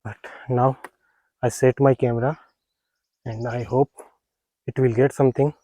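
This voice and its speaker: Subdued, mellow man with a flat delivery. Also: mid-range voice, a little slow, dry recording. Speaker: wildlife photographer vlogger. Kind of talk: casual outdoor vlog narration. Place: outdoors in nature, close dry sound.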